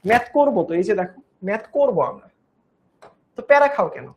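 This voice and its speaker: A woman's voice: a little high, expressive, fast talker, lo-fi sound. A young woman giving an online chemistry class, patiently repeating each step and coaxing her students along. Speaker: chemistry teacher.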